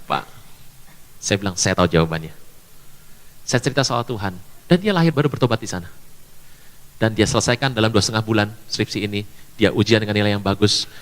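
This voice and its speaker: A man's voice: lowish voice, big-room sound. A male pastor preaching a sermon with humorous storytelling and emphatic repetition, speaking through a church microphone.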